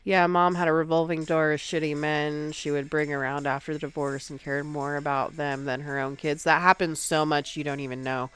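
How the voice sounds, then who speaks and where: A woman's voice: sits low, level tone, normal speed, few pauses, fairly bright tone, clean tone. A woman livestreamer chatting candidly at home while getting ready, congested and swearing freely.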